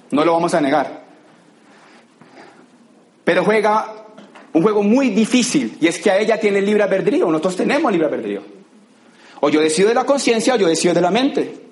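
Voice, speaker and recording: A Colombian man giving an animated motivational talk to a live audience, acting out scenes with sound effects. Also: sits high, echoey room. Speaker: motivational speaker.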